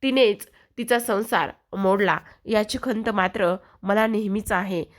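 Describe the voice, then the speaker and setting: A woman's voice: mid-range voice, a little slow, natural voice. A woman voicing an earnest, regretful father speaking to his daughter, retold from a TV serial.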